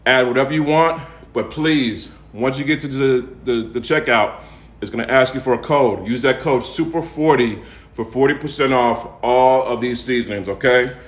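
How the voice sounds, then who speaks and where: A man with a Southern US accent chats casually as the host of a home cooking livestream. His voice sits at a medium pitch, and he talks in a folksy way, repeating points and checking in with little tag questions. The sound is noticeably echoey, as from a room. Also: moderate pace. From United States, raised in Atlanta. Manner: folksy, repeats himself and tags phrases with "okay?" and "all right?". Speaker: home cook and seasoning seller hosting a livestream.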